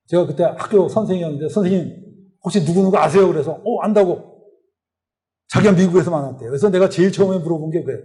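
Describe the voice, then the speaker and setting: A middle-aged man preaching at a church retreat, telling a story and acting out the dialogue in it. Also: high-pitched. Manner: animated storytelling, acts out dialogue. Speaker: lay preacher. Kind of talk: sermon with story. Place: retreat hall.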